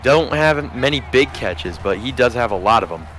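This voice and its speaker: A man giving play-by-play commentary on a video game football stream, measured and steady, rising to shouts on big plays. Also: mid-range voice, soft background music. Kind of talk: sports commentary.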